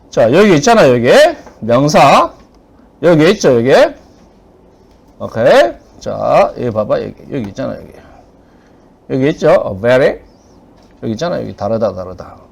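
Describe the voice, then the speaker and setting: A man teaching a TOEFL reading lecture, emphatic and repetitive. He keeps asking "okay?" and trails off into low mutters. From South Korea. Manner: drops to a mutter on trailing words. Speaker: TOEFL instructor.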